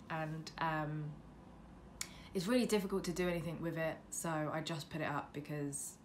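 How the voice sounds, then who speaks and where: A female British vlogger in her mid-twenties chats to camera and takes questions in a low register, keeping it informal and self-deprecating. The setting is her bedroom at a window facing a busy road, with the camera on the windowsill about arm's length away. Light road noise and passing traffic leave the room noisy.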